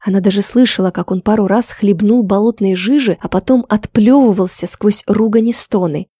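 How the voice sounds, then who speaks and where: A woman narrating an audiobook in a steady, tense storytelling manner. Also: medium pitch, normal speed, breathy edge, dry recording, studio quality. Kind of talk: scripted narration.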